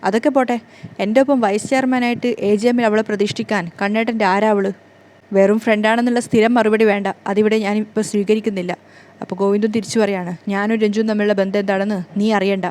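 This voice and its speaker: A woman narrating a recap of a TV serial episode, voicing the characters' dialogue herself in an animated storytelling manner. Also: medium pitch, quick pace.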